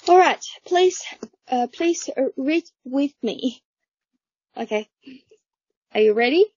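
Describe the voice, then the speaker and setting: A woman teaching English vocabulary, slowly drilling word pronunciations and explaining them patiently to learners. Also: high voice, animated, a little mellow, no echo. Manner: slow, patient, drills words aloud. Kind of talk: pronunciation lesson, repeating words. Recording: dull, lo-fi, dry.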